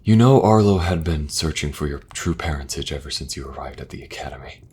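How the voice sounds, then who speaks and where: A man voicing King Edmund, very deep and earnest. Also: expressive, slightly rough, exaggerated voice. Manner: earnest, halting, soft-spoken. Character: earnest young king, burdened but kind. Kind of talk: fantasy audio roleplay.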